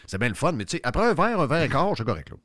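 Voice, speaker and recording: A man, hosting a radio show in casual chat and making quick, offhand remarks. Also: fairly high pitch, sing-song, fairly bright tone. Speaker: radio host.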